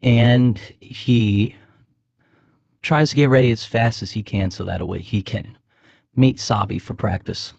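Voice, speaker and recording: A man's voice: fairly low pitch, unhurried, creaky, darkish tone, dry recording, lo-fi sound. A man playing a tabletop game, describing his character's actions with some hesitation. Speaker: player.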